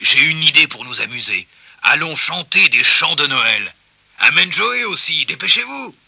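A man voicing an eager, bold male pig who loves action and leads his friends loudly. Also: on the high side, big pitch swings, unhurried, gravelly, slightly rough, no echo, heavily acted. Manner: loud, enthusiastic, bossy. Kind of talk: storybook reading.

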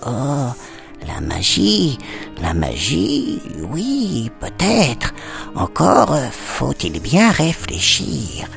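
A woman voicing a wise, kindly old female snake who speaks slowly and thoughtfully in a children's story. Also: rumbling low, huge pitch swings, gravelly, faint music behind, heavily acted. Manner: slow, thoughtful, gently scolding. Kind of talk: storybook acting.

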